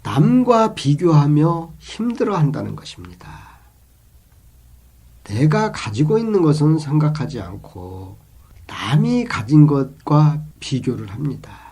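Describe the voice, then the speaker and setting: A man's voice: fairly high pitch, big pitch swings, slow pace, dark tone, slightly rough. A middle-aged man giving life advice in an earnest, lecturing monologue, his phrases often trailing off into a near whisper.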